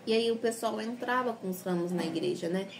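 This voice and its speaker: A woman's voice: medium pitch, brisk, vocal fry. A young adult woman with a Brazilian Portuguese accent tells her personal story in a chatty, rambling way, full of tag questions. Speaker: convert telling her story. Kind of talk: casual personal testimony. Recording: noisy background. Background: noise in the background.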